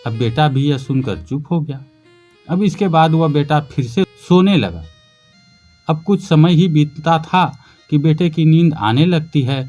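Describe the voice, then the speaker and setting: Male storyteller, slightly raised pitch, reads a moral tale over faint background music. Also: expressive, unhurried, darkish tone. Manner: acts out the son's and mother's lines. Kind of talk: scripted narration of a moral story.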